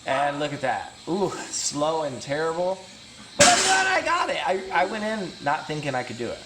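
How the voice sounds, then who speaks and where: A man in his thirties chats loosely about his lifting and comments over workout clips. His voice sits a little high for a man, and he rambles with plenty of ums and restarts. He pokes fun at himself as he goes. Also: very animated, moderate pace, very noisy. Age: 30s. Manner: rambling, self-deprecating, frequent fillers and restarts. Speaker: vlogger and strength athlete. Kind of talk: casual talk with workout commentary.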